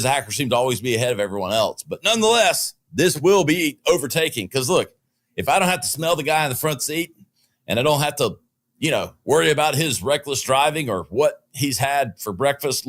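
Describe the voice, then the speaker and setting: A Southern US man with a medium-pitched, fairly bright voice hosts a business podcast from a studio. He offers opinionated commentary on the news and slips in joking asides.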